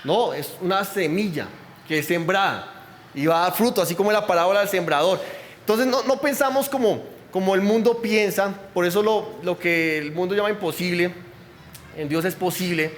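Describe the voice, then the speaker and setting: A man's voice: high-pitched, normal speed, in a large hall, slight background noise. A man preaching a sermon as pastor, talking conversationally and often asking the congregation questions. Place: church.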